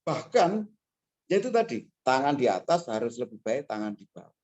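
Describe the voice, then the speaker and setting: A man giving a fiery motivational talk as a guest speaker, telling stories emphatically and swinging between quiet asides and loud bursts over a video call. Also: mid-range voice, sing-song, a little fast.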